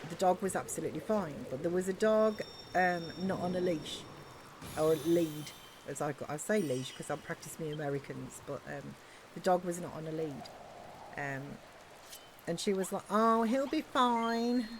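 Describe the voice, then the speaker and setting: This woman's voice is deep and darkish, moving at a moderate pace over a little hiss or hum. She streams a game while chatting casually, a rambling storyteller who uses regional slang.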